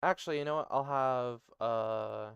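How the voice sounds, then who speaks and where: A man's voice: mid-range voice, normal speed, gravelly, clean tone, no echo, lo-fi sound. A man thinking aloud as he works on an invented language, muttering and correcting himself. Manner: muttering, self-correcting, musing. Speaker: conlang creator. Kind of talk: thinking aloud while working.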